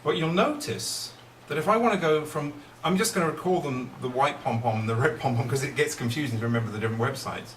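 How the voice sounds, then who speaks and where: A man's voice: mid-range voice, fast, hardly any pauses. Roomy, playful middle-aged man, kids' party magician. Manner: playful kids party magician, coaxing the audience with questions. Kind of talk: live kids' magic show patter. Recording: roomy, distant mic, faint noise.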